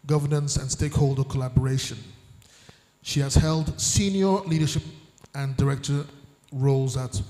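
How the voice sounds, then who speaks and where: A man moderates a conference panel, reading out each panelist's background at a measured pace. He drops in the odd dry aside. His voice sits in the middle range and rings through a large, echoey hall with a long reverb tail. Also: medium pitch, a little mellow. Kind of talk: reading panelist bios aloud.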